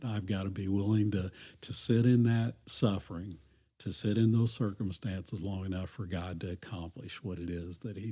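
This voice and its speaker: A man's voice: fairly low pitch, mellow, slightly rough. A man working as a church counselor, talking earnestly and reflectively on a podcast, often restarting his phrases. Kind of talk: conversational podcast talk.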